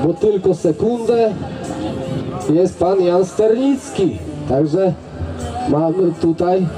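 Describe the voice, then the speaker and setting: A man calling an outdoor driving event over a public address microphone, his voice sitting fairly high and his delivery unhurried. He chats to the crowd directly between runs. Loud music plays behind him. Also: animated, poor audio. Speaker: event announcer. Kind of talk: live sports commentary over a public address. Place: outdoor carriage-driving competition field.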